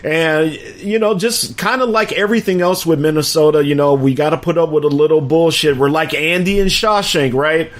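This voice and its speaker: A man's voice: fairly high pitch, normal speed, few pauses. A middle-aged man co-hosting a sports podcast in casual, crude, joking chat full of fillers. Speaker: podcast co-host.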